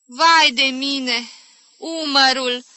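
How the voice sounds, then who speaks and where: A woman's voice: high voice, steady tone, pushed and bright, dry recording, voice pushed up. Woman playing a groaning old aunt Magdalena. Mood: suffering. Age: older. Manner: theatrical groaning, exaggerated suffering. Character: elderly aunt, complaining hypochondriac woman. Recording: dry close studio reading.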